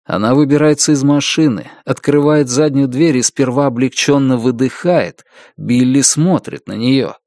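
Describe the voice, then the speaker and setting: A man giving a steady, measured scripted narration of an audiobook. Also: medium pitch, dry recording, studio quality.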